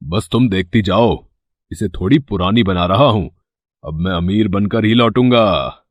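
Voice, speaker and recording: A man's voice: fairly low pitch, a little slow, no echo, muffled recording. A man voicing a greedy, scheming older brother in a storybook tale, speaking in a wheedling tone full of hesitant fillers. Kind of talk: storybook voice acting.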